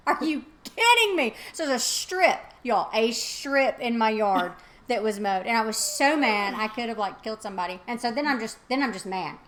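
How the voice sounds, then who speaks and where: Animated woman telling stories. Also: fairly high pitch, moderate pace, few pauses. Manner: animated storytelling with many fillers. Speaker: host. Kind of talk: casual chat.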